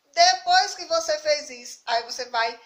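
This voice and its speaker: Teaching spelling to young children in a remote class, a woman primary school teacher with a Brazilian Portuguese accent explains slowly and patiently, frequently asking "tá certo?" to see if they follow. She sounds high-pitched and fairly bright, and the audio is roomy, picked up from away from the mic.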